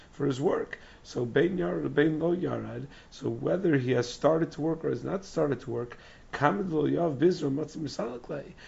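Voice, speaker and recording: A man teaching a Talmud class with a hoarse, raspy, strained voice that has nearly gone, reading text and explaining it. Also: a little high, a little mellow. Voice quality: raspy, strained, breathy croak. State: hoarse, lost voice. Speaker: religious teacher giving a daily Talmud class. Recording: dull, muffled lo-fi recording.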